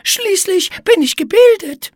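A woman's voice: very high-pitched, expressive, measured pace, no echo, clean studio sound, voice pushed up. Woman doing prissy spider cheerleader Igitte. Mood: offended. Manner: prissy and easily offended. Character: prim, conceited young female spider cheerleader.

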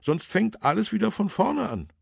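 A man doing a high, flustered town councillor. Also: normal speed, creaky, husky, no echo, clean studio sound, full character voice. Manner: flustered, hesitant, high and excited. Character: fussy high-voiced male town councillor.

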